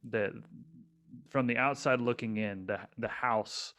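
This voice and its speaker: A man's voice: medium pitch, measured pace, a bit bright. A young man co-hosting a casual podcast, rambling with lots of fillers and restarts. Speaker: podcast co-host.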